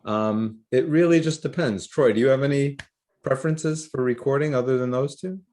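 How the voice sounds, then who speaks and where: A man leads an online training session over a video call. He explains things casually and with upbeat enthusiasm, at an ordinary mid pitch. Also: normal speed, mellow. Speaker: workshop host. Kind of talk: casual instructional talk.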